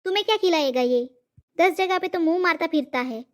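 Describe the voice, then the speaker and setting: A woman voicing a sharp-tongued old mother in a cartoon comedy, scolding and throwing insults. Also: extremely high pitch, brisk. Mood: angry interrogating.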